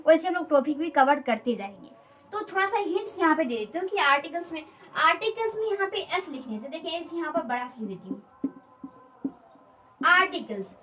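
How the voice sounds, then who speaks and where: A woman teaching an English grammar lesson. She explains slowly, repeats key words and keeps asking quick check questions. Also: extremely high pitch, a bit bright, far from the mic, slight background noise, poor audio.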